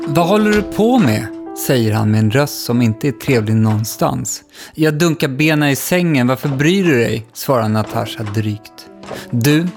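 A man narrating a children's story in a calm, even storytelling voice. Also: mid-range voice, vocal fry.

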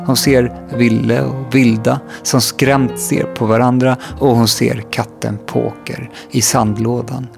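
A male narrator reading a children's story aloud in a calm, steady way. His mid-pitched voice has a gravelly grain, with faint music under it. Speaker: audiobook narrator.

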